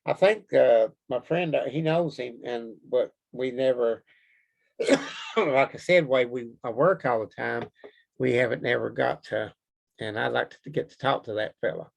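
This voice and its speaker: A man's voice: mid-range voice, a little slow, vocal fry, rough recording. A man with a Kentucky accent, chatting in a rambling, folksy way as an interview guest. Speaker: Bigfoot researcher being interviewed. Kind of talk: casual interview chat.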